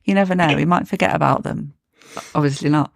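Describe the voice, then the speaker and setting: Gravelly-voiced chatty podcast co-host. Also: medium pitch, quick pace, dry recording, studio quality. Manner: chatty, laughs often. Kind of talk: casual chat.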